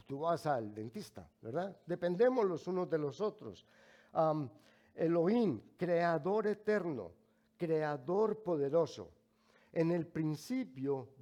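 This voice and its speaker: A man with a Mexican accent preaching a sermon as pastor, speaking in a slow, emphatic way with asides to the congregation. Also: a little high, mellow.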